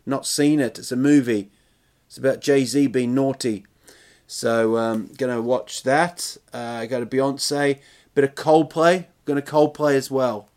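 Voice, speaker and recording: A man's voice: mid-range voice, fairly even intonation, a little slow, darkish tone. Rambling, sweary man in his forties. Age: 40s. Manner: self-deprecating, sweary, hesitant and meandering. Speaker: podcast host and touring comedian. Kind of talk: casual, rambling solo podcast chat.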